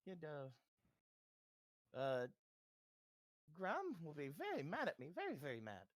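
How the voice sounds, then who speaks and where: A man's voice: fairly high pitch, huge pitch swings, takes it slowly, dry recording, heavily acted. A man voicing a weak, hesitant elderly woman in a tabletop game. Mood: meek. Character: frail, timid elderly woman reader.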